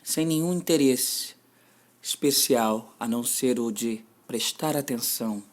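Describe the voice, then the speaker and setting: This mindfulness meditation is guided by a man with a Brazilian Portuguese accent and a medium-pitched voice. He speaks gently and deliberately, leaving long stretches of silence between instructions.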